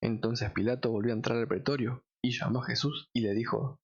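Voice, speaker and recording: A man reading scripture aloud in a measured, solemn way. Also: medium pitch, steady tone, breathy edge, highs cut off. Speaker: Bible reader.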